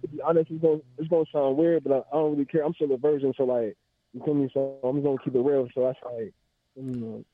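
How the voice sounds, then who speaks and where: A caller in his twenties comes through a tinny, broken-up phone line. The connection keeps cutting out while he talks. He speaks quickly, halting and stumbling, and pads every thought with filler words. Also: mid-range voice, little pitch movement, no room sound, soft background music. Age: 20s. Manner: halting, fills with "like". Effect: bad phone connection, breaking up. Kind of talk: casual call-in chat.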